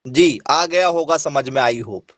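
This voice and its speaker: A man's voice: on the high side, slow pace, fairly bright tone, no room sound. A male teacher giving an online class lecture. He repeats his points and keeps quizzing students, asking them for yes or no replies.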